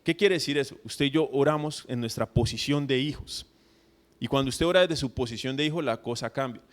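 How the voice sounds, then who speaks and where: A man's voice: mid-range voice, a little fast. A man preaching a sermon as a pastor, talking conversationally and constantly checking in with his listeners. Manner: acts out mock prayers in a put-on voice.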